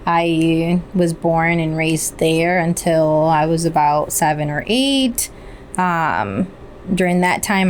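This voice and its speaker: Speaking in a fairly low pitch, with a little hiss or hum on the recording, this Puerto Rican woman, a native Spanish speaker, sincerely recounts her life as a podcast guest in a casual interview.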